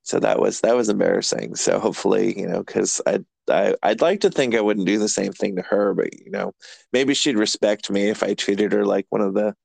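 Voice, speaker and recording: Low gravelly man, casual podcast host. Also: brisk, a little mellow, no room sound. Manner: rambling, self-deprecating, laughs often. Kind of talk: casual chat.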